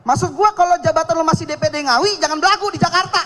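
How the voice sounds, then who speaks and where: A man with an extremely high, sharp voice rattles through a stand-up set on a live contest stage. He's cocky and teasing, slipping into regional voices as the audience laughs behind him.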